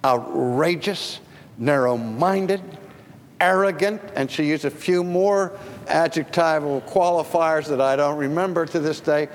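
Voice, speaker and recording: A man preaching a sermon, telling a personal story with slow, emphatic phrasing and dramatic pauses. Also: fairly high pitch, fairly even intonation, a little hiss or hum. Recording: reverberant hall with faint ambience.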